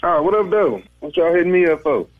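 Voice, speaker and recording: A man's voice: fairly high pitch, animated, brisk, phone-quality sound. A man talking casually as a caller on a radio show. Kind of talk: casual chat.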